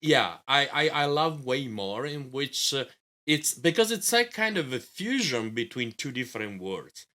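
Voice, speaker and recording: A man co-hosting a game dev live stream, chatting eagerly and haltingly, repeating words as he starts his sentences. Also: medium pitch, very animated, bright, forceful tone. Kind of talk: casual chat on a live stream.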